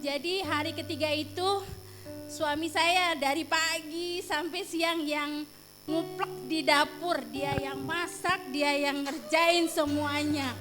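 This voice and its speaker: High-voiced woman giving church testimony. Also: fairly even intonation, takes it slowly, over music. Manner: chatty storytelling, acts out quoted dialogue; frequent casual fillers and exclamations. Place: church worship service.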